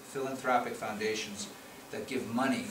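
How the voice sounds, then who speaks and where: A Chicago-area man in middle age, working in policy research, presents slides in a conference meeting room in a steady, mid-range voice at a moderate pace. His style is conversational but full of restarts and repeated words, and the recording is distant, echoey, and noisy.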